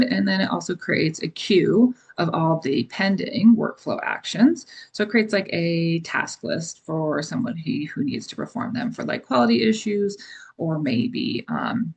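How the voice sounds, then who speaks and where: A woman presenting software in a webinar, explaining features casually with many fillers. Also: fairly low pitch, breathy edge. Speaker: product presenter. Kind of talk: webinar demo and Q&A.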